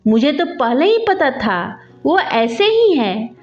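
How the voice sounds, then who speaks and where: A shrill, sharp-tongued mother-in-law from a storybook, scolding at the top of her voice, as a woman narrator puts her on. The voice is slightly dull, with soft music behind. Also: very animated, takes it slowly, roomy sound, heavily acted. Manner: shouting, scolding.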